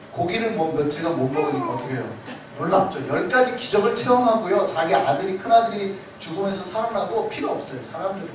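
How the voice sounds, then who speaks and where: A male pastor delivering a sermon in animated storytelling, acting out the voices in it. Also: high-pitched. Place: church sanctuary. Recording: echoey sanctuary, distant mic, noisy.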